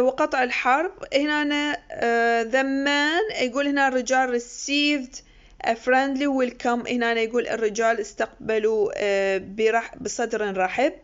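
A woman lecturer, explaining an English text line by line in with many pauses and fillers. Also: on the high side, clean tone. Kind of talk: recorded university lecture. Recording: muffled lo-fi recording.

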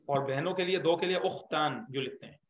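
A man teaching a class, patiently correcting students' pronunciation and repeating words slowly. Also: fairly high pitch. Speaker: Arabic teacher. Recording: roomy, dull lo-fi sound.

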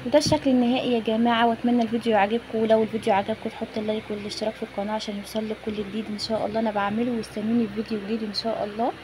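A woman with an Egyptian accent races through a home cooking tutorial with hardly any pauses, her slightly high voice showing little pitch movement. As a home cook presenting a recipe, she chats informally and straight to her viewers, recorded on a phone with clear background noise.

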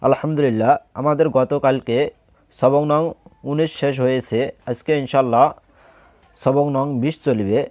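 A man's voice: medium pitch, normal speed, darkish tone, no room sound. A Bangladeshi Bengali-accented man teaching Quran reading, drilling syllables patiently and answering his own questions. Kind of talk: step-by-step recitation lesson.

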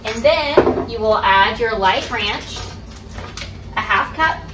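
A young woman giving a step-by-step cooking demonstration in her home kitchen, explaining each step clearly to the viewer. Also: on the high side, animated, slow pace, recorded from a distance. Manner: clear, instructive, addresses viewer directly. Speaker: cooking instructor. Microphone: camera across the kitchen. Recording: echoey kitchen, voice from off-mic, household noise.

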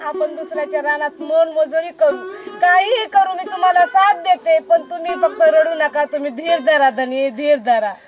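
A woman's voice: high voice, moderate pace, lightly acted. A woman playing a devoted farmer's wife, pleading with and soothing her husband again and again. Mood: comforting. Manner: pleading, soothing, repeats "dhani". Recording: music playing behind. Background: music.

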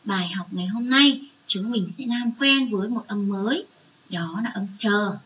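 A woman teaching young children, spelling out sounds slowly and drawing out each syllable. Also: medium pitch, distant mic, dull audio, slight background noise. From Vietnam. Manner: slow, drawn-out spelling aloud. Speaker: first-grade teacher.

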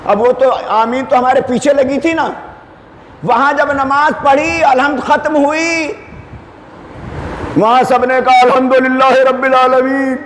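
A male cleric delivering a Muharram sermon, asking the crowd rhetorical questions and shouting key points for emphasis. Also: very high voice, steady tone, long pauses, a little hiss or hum. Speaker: maulana giving a majlis. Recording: echoey hall with faint ambience.

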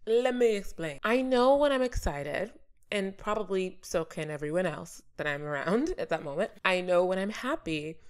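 A woman hosting her own vlog, talking in a playful, animated way with jokey asides and big swings in pitch and loudness. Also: moderate pace. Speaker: vlog host. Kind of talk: casual commentary vlog.

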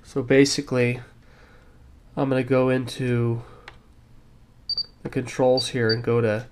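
Sick hobbyist man, mid-pitch, laid-back step-by-step tutorial at a workbench, light hiss behind. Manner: relaxed, with fillers and step-by-step instructions. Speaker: hobbyist demonstrating a radio transmitter. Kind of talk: casual tutorial walkthrough. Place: cluttered workbench indoors.

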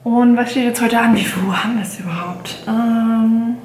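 Chatting casually in a haul vlog from her bedroom indoors, a woman in her late twenties rambles along with plenty of fillers and self-corrections. She's a beauty vlogger whose slightly high voice moves at a moderate pace with fairly even intonation, in an echoey room with background noise.

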